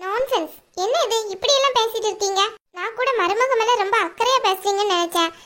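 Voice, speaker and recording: A calm, firm female doctor in a cartoon, voiced by a woman. She speaks in a reproving tone. The voice is very high and bright. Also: quick pace. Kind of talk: cartoon voice acting.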